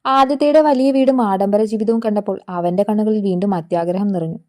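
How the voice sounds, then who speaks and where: A woman narrating a scripted family story in a steady, measured way. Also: medium pitch.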